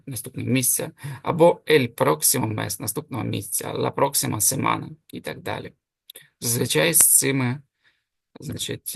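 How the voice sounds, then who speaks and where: A man teaching a Spanish lesson online. He explains step by step, stops often with fillers and self-corrections, and slows down to pronounce the Spanish forms. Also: medium pitch, gravelly, fairly bright tone, dry recording, clean studio sound.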